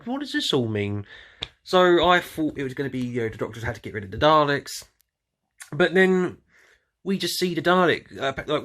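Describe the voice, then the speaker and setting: A man with a fairly high, fairly bright voice reviews an audio drama on YouTube. He talks casually and off the cuff, rambling loosely and often trailing off or correcting himself in this unscripted review.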